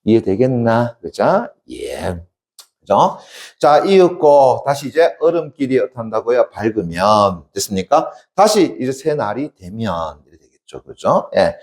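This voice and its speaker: A man's voice: very animated, measured pace, darkish tone. A male academy teacher giving an exam-prep literature lecture, constantly asking check questions and answering them himself. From South Korea. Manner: acts out poem lines with sudden high dramatic dialect.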